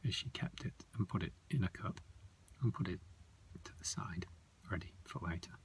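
A man narrating a children's story softly and slowly, often dropping into a whisper. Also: deep voice, husky. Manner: slow, soft, often whispery.

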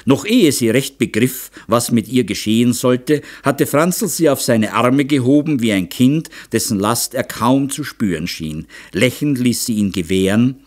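A male narrator reads a novel aloud in scripted audiobook style. His storytelling is expressive, and his voice moves widely in pitch from a middle register. The delivery is measured and clear. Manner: expressive storytelling, varied intonation.

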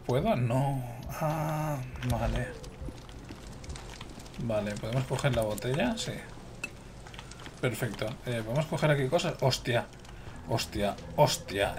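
A gameplay streamer with a mid-range voice chats and exclaims his way through a video game, talking to his viewers over background noise. It's casual gameplay commentary.

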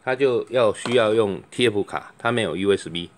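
A man demonstrating microphones in a loose, chatty way, filling pauses with a drawn-out "oh" and calling into each mic to test it. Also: lowish voice, slight background noise. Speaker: microphone seller. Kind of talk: product demonstration.

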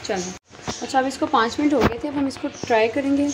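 Phone in hand, a woman chats to viewers in her home kitchen as she explains how to cook, step by step. She has a high voice and talks a little fast. Heavy background noise comes from loud frying sizzle and stirring.

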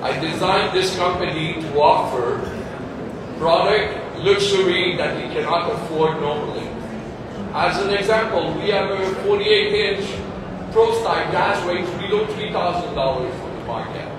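A Canadian man, a company founder, gives a stage product pitch in halting non-native English with plain, short sentences. He's captured from far back in a large convention hall by a phone camera in the audience, so the sound is echoey and the background noisy.

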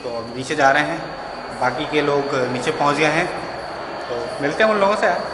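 Inside a car on a highway, a man in his thirties vlogs casually while traveling, holding an action camera at arm's length. His voice is a little high and animated, at a moderate pace, and he chats straight to his viewers over road and car noise.

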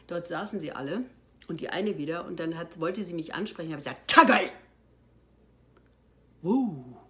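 A woman, an actress, telling behind-the-scenes anecdotes in an animated way, jumping from loud bursts to hushed, almost whispered asides. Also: on the low side, fast talker. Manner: expressive, swings from loud outbursts to hushed near-whispers.

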